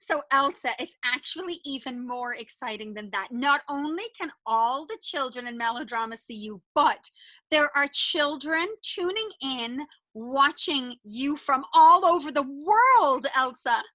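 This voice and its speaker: A woman with a high, bright voice, hosting a video call for children. She is animated and sing-song, and she coaxes her young audience to join in. The sound is dry and close. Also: unhurried, dry recording. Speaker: drama school teacher and host. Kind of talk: enthusiastic talk to children.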